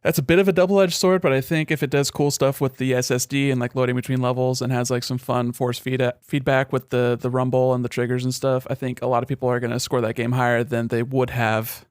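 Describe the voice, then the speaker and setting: A man co-hosting a casual gaming podcast, eager and quick as he runs through his picks. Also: medium pitch, level tone, smooth, no room sound, studio quality. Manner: eager, quick, running commentary. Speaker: podcast co-host.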